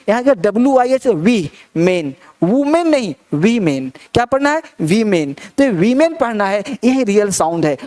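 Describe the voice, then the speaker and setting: An Indian man with a high voice leads a spoken English lesson. He drills each word again and again, asks the class what to say, and then gives the answer himself. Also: darkish tone.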